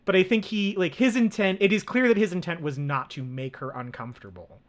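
A man's voice: sits high, fairly quick. A man co-hosting a film podcast, talking casually with lots of fillers and restarts. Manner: rambling, many fillers and restarts. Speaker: podcast co-host.

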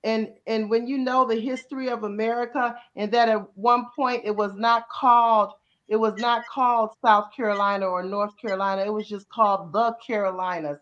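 Woman pastor, slightly high voice, sermon-style delivery, muffled lo-fi call sound. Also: fairly even intonation, normal speed, fairly bright tone. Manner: preaching cadence with repeated rhetorical questions. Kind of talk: panel discussion comments.

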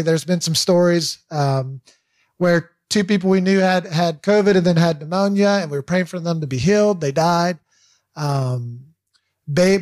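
A man's voice: high-pitched, no room sound, clean studio sound. Candid man telling a faith story. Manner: candid, halting, many restarts and fillers. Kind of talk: personal story in a sermon.

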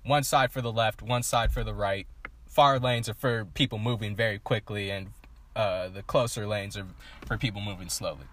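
A man co-hosting a casual podcast, explaining his points in a relaxed, lecturing way. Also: fairly low pitch, normal speed. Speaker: podcast co-host.

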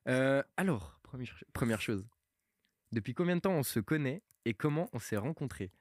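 A young man from Switzerland hosts a casual podcast, relaxed and joking, his voice often dropping low as he trails off. The sound is dry and close, with no room echo. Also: moderate pace. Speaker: podcast host.

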